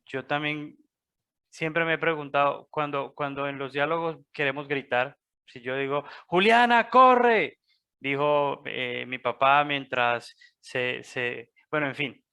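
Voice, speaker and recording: A man taking part in a writing workshop, asking a question in a slow, hesitant way with fillers. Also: mid-range voice, level tone, vocal fry, sharp tone, clear, resonant tone. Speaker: workshop participant.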